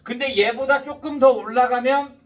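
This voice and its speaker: A man's voice: very high-pitched, normal speed, far from the mic. A man teaching math step by step with rhetorical questions, his diction slightly slurred and lisping, as if numb-mouthed after having a tooth pulled. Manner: didactic, checks understanding often.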